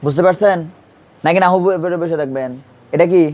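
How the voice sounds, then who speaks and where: A man's voice: high-pitched, fairly quick, a little mellow. A man teaching an Urdu grammar class, speaking colloquially and patiently drilling pronunciation with repeated questions to his students. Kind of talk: classroom lesson.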